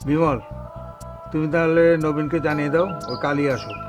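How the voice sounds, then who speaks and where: Traditional dad, middle-aged, male actor, doubtful, slightly high voice. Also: fairly even intonation, moderate pace, loud music behind the voice, close to an everyday voice. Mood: reluctant. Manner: hesitant, old-fashioned. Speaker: father of the bride. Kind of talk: TV serial acting.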